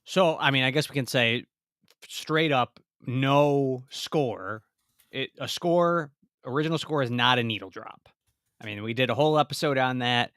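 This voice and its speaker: A man's voice: medium pitch, normal speed, a bit bright, smooth, no room sound, clean studio sound. A man co-hosting a podcast in casual discussion, thinking aloud in a tentative way. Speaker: podcast co-host and guest.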